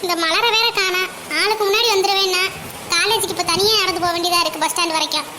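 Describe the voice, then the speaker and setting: Voice actor as bossy cartoon college girl, squeaky, noisy track. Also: steady tone, quick pace. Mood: scolding. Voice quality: very high, thin cartoon voice. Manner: scolding, bossy. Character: sharp-tongued young college girl. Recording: audible background noise.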